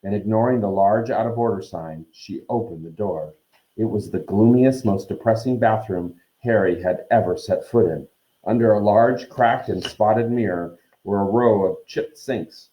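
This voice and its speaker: A man's voice: lowish voice, normal speed, mellow, echoey room, rough recording. A man teacher reading a novel aloud to his class, friendly, acting out the characters' lines. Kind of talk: read-aloud storytelling.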